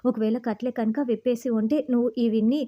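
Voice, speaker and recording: A woman's voice: a little high, flat delivery, quick pace, lo-fi sound, lightly acted. A woman voicing a feisty, mock-innocent housewife held hostage, taunting her captors in a serial recap.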